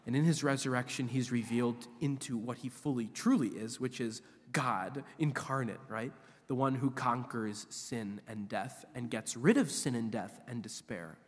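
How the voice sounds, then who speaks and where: A man in his forties, a visiting priest, preaching a sermon at a church lectern in an animated, emphatic way. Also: mid-range voice. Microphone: lectern microphone. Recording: long church reverb.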